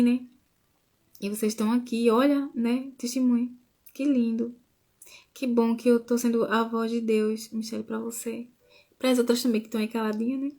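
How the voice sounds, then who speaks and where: A woman's voice: a little high, warm tone. A woman from Brazil, sharing a faith testimony in a casual live stream and often saying "né?". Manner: informal, with frequent restarts and "né?".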